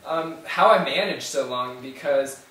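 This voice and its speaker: A man's voice: medium pitch, a little slow, noisy background, natural voice. A man playing a stoic former prisoner of war who earnestly tells of his ordeal in a plain, storytelling way. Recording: very echoey room from far off.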